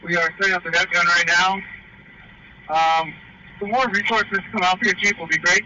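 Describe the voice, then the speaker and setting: A man working as a fire engine officer gives an emergency radio report in a loud, projected voice. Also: high-pitched, steady tone, moderate pace, muffled recording. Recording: noisy band-limited fireground radio transmission.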